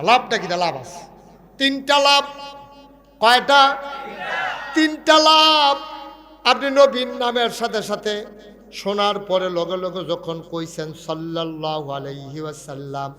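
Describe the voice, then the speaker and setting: A high-pitched man preaches to a crowd, breaking into sing-song chanting. He keeps firing questions at his listeners and teases them between lines. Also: a bit bright. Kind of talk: humorous sermon to a crowd.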